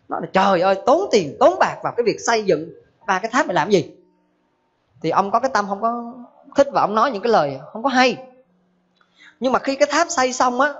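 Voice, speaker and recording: A woman, a Buddhist teacher giving a sermon in a conversational way and asking her listeners questions. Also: a little high. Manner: conversational, asks the audience questions. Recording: dull lo-fi recording.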